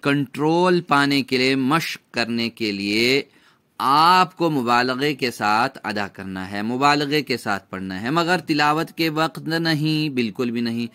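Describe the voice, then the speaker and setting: A man's voice: medium pitch, expressive, sharp tone, clean tone. Patient man teaching recitation sounds. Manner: patient, drawn-out demonstration of sounds. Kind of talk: tajweed lesson with repeat-after-me drills.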